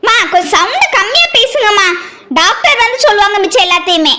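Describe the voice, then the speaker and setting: Strict cartoon nurse, firm and scolding, very high, voiced by the one actor, hissy. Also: big pitch swings, fast.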